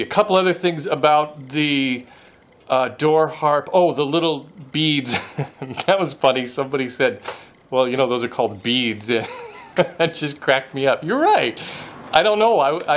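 Chatty man vlogging from his workshop. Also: a little high. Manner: chatty, self-amused, laughs often. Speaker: woodworking channel host. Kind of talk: casual vlog chat. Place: home wood shop, indoors. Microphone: handheld camera at arm's length.

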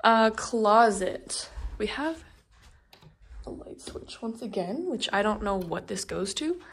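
A young woman vlogger with a mid-range, slightly rough voice chats casually while walking through an empty house to film a tour. She uses frequent ums and likes.

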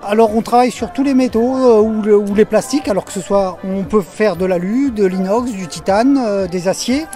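A man's voice: high voice, normal speed, hardly any pauses, dark tone, faint music behind. A man in his forties explaining his machining business eagerly, repeating words, outdoors into a handheld mic. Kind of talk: casual interview answers. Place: outdoor fair in a park. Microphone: handheld mic held by interviewer.

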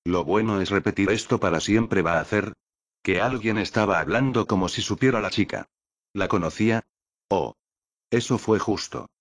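A man with a low, deep voice gives slow, measured audiobook narration. The sound is dry and close, with no room around it, and the reading stays steady and unhurried. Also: no echo.

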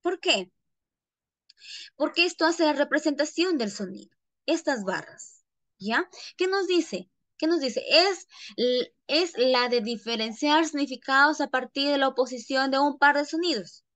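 A woman teacher, pitched high and speaking at an unhurried pace. She explains step by step and keeps checking that her students follow. The recording is dry and close, with no room sound. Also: expressive, fairly bright tone, dry recording. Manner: checks in often with "¿ya?"; addresses students as "chicos". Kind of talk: online classroom lesson.

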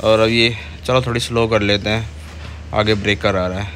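A man's voice: on the low side, level tone, moderate pace, fairly bright tone. A young man, chatting casually to viewers as he rides a motorbike through city traffic and points out the sights. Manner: chatty, points things out to viewers while riding. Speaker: vlogger. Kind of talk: casual motovlog narration. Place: on a motorbike on city roads outdoors. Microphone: helmet or chest camera mic while riding. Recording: wind and traffic noise. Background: engine and traffic noise.

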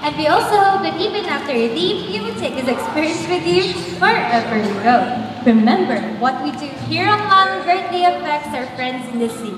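A woman's voice: high voice, lively intonation, moderate pace, hardly any pauses, background noise. A woman hosting an animal show, delivering a scripted theme park spiel in a peppy, exclamatory announcer style over a PA. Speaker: sea lion show host. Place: outdoor amphitheatre by a pool, over PA speakers. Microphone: amplified, recorded from the audience far off. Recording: echoey distant PA, loud music and crowd.

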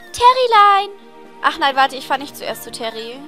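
Female let's-play host, high and bright, reads game text aloud and grumbles. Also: fairly quick, faint music behind. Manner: reads game dialogue aloud, chatty and frustrated. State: tired voice. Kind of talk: casual gameplay commentary.

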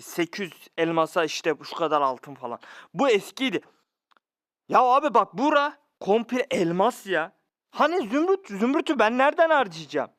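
A man with a high voice, recorded dry and close on a phone, complains about a mobile game. He sounds exasperated and keeps repeating his rhetorical questions. He talks straight to his viewers as if they were his brothers. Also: fairly bright tone, no echo. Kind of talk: ranting screen-recorded game commentary.

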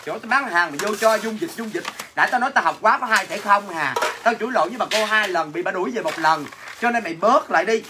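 A man's voice: high-pitched, quick pace, noisy background. Brash Southern Vietnamese man doing comic livestream sales banter, clattering dishes behind him. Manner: brash, teasing, answers viewer comments mockingly. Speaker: livestream seller.

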